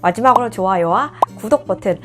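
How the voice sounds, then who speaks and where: A woman's voice: medium pitch, lively intonation, brisk, music in the background. A young woman, a corporate service trainer, explaining communication tips in a chatty vlog and acting out example lines.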